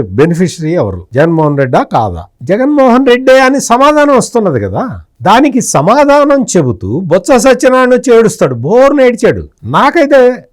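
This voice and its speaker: A middle-aged man, a senior journalist, giving political commentary with fiery rhetorical questions. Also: high-pitched.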